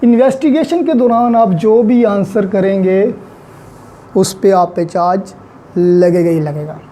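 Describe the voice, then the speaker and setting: Lecturing on law with a Pakistani accent, this man explains concepts by restating and stressing the main points, sprinkling in English legal terminology. He sounds high and mellow, and there's slight hiss or hum in the recording.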